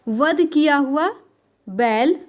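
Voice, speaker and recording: A woman teaching art for exam prep, writing on a board and repeating terms slowly for students to note down. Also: high voice. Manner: writes on a board while dictating.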